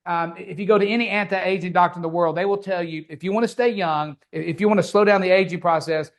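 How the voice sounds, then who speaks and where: High-voiced stammering man. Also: fairly even intonation, fast talker. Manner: stammering restarts, calls listener brother. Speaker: podcast host. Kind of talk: casual podcast chat.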